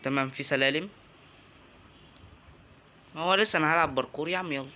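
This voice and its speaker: Bright, lively Egyptian gamer guy. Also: fairly high pitch, fast talker. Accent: Egyptian Arabic. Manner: jokey, bursts into excited yelps at enemies. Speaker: gaming YouTuber. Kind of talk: let's-play commentary.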